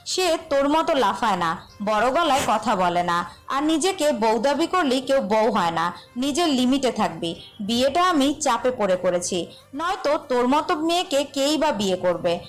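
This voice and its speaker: A woman's voice: sits high, sing-song, normal speed. A woman voicing a harsh, scornful young husband who scolds and belittles, over background music.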